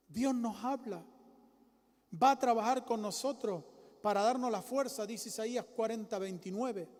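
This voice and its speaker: A man preaching a sermon with emphatic, repetitive lines that rise to loud exclamations and drop low again. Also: long reverb tail.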